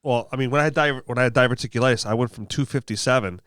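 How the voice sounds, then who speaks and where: Easygoing male podcast co-host in his forties, smooth lowish voice, dry sound. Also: rapid-fire, a bit bright, no room sound. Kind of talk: casual chat.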